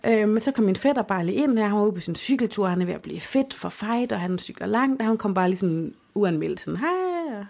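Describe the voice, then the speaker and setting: A woman's voice: mid-range voice, expressive, creaky, hardly any pauses, a little mellow. A young woman co-hosting a casual chat, telling a personal story in an emotional, chatty way with many fillers. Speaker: podcast co-host.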